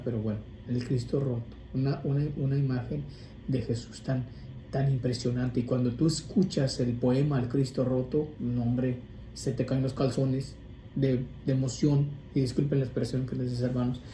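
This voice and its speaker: A man's voice: medium pitch, dark tone. A male priest giving an informal, conversational sermon on prayer, often restarting and adding asides. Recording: echoey room with faint ambient noise.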